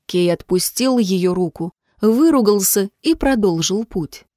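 A woman's voice: mid-range voice, lively intonation, unhurried, mellow, dry recording. Woman reading a novel, dry studio sound. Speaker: audiobook narrator. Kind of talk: scripted novel narration.

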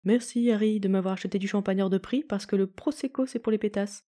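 A woman's voice: mid-range voice, fast, mellow, close to an everyday voice. A woman voicing a playful, teasing young husband in an audiobook reading. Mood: mincing, teasing.

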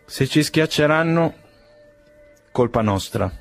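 A man's voice: on the high side, expressive, takes it slowly, soft background music, voice pushed up. A man reading an audiobook, playing a blunt and sullen young man who answers curtly and with insolence. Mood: defiant. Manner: curt, sullen, insolent, speaks through his teeth. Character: young male nihilist, blunt and gloomy.

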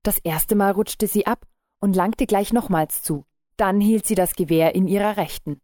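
A woman narrating a story in a calm, measured reading. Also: mid-range voice, no echo, clean studio sound. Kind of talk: scripted audiobook narration.

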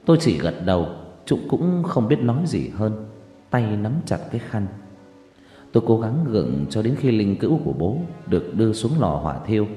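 Sad dramatic story narration, guy with a low dark voice, big echoey reverb. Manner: mournful, dramatic. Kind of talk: emotional first-person story narration.

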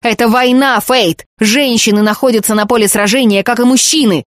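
A woman's voice: fairly high pitch, fairly even intonation, a little fast, no echo, studio quality, close to an everyday voice. A woman voicing a desperate widowed mother with a cracked, harsh voice in an audiobook. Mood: fierce. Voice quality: cracked, harsh when shouting. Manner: bitter, pleading, then fierce. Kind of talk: audiobook character reading.

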